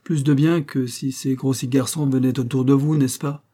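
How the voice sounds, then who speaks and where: A man voicing a bold, lively little girl who speaks eagerly and pertly. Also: medium pitch, normal speed, voice pushed up, lightly acted.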